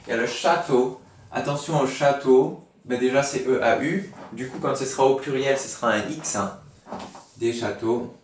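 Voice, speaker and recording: A man's voice: medium pitch, moderate pace, a little hiss or hum. A man teaching a spelling lesson to schoolchildren, patient and explaining word origins with many fillers. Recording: roomy, from far off the mic.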